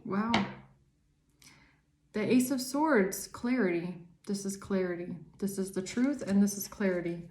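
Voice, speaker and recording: A woman's voice: medium pitch, unhurried, background noise. Woman doing an echoey tarot reading. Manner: earnest, rambling, repeats words for emphasis. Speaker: tarot reader and psychic channeller. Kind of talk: casual tarot reading to camera. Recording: roomy echo.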